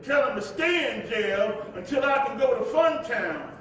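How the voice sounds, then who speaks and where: A man acting on stage as an eloquent civil rights leader, speaking in a measured, preacherly cadence with reflective, wry humour. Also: extremely high pitch, lively intonation. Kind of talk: staged reading of a stage play, oratorical monologue. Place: live performance in an echoing hall. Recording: very echoey hall, distant mic, faint noise.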